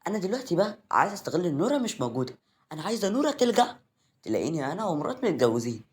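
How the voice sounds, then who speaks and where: A man's voice: high-pitched, very animated, racing, pitched above the performer's own voice. A man voicing a sly, pushy young woman in an Egyptian accent, in a read-aloud audio story.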